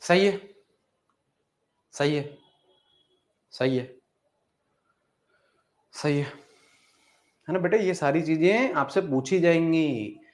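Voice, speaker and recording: Repetitive, higher-voiced chemistry coaching teacher. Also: male voice, takes it slowly, pauses often. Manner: repetitive, addresses students as beta, mock student questions. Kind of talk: exam coaching lecture.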